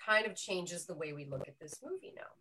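A woman's voice: fairly low pitch, big pitch swings, brisk, noisy background. A woman on a film discussion panel, chatting casually and explaining history with frequent self-corrections. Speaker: panel member presenting a film pick. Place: small room with a group around one mic.

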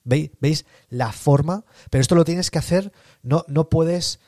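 A man's voice: on the high side, warm tone, no echo, clean studio sound. A man with a Spain Spanish accent, hosting a podcast sales lesson and stressing key points by repeating them. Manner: acts out sales calls in quick bursts. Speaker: sales coach host.

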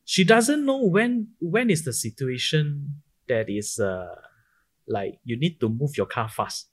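A man's voice: on the high side, expressive, takes it slowly, husky. Singaporean man chatting in colloquial Singlish. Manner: colloquial Singlish with sentence particles. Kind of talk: casual chat, opinionated banter.

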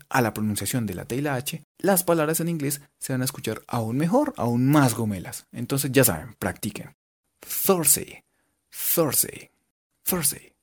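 A young man teaching English pronunciation in a casual video lesson, joking and drilling words slowly. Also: medium pitch.

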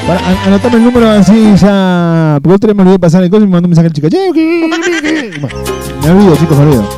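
A man's voice: sits high, big pitch swings, quick pace, over music. A man with an Argentine accent hosting a radio call-in show, playful and teasing, calling the caller terms of endearment. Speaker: radio host. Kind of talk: lively radio call-in banter. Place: radio studio.

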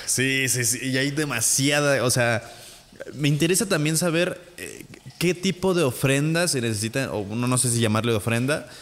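A man's voice: mid-range voice, moderate pace, fairly bright tone, slight background noise. A man hosting a podcast, asking questions and agreeing briefly. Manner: brief affirming interjections and questions. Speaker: podcast host. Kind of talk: casual podcast interview. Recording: long echoey reverb.

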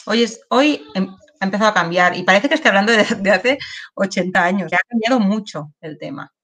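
A woman's voice: mid-range voice, expressive, a little fast, fairly bright tone. A woman, a guest in an interview, speaking candidly and emotionally with many restarts and tag questions. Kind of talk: personal testimony in an interview.

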